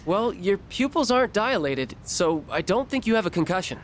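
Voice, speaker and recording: A man's voice: high voice, sing-song, moderate pace, fairly bright tone. A man voicing an earnest, caring teenage boy, a student, in a video game. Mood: worried, relieved. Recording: game music behind the voice.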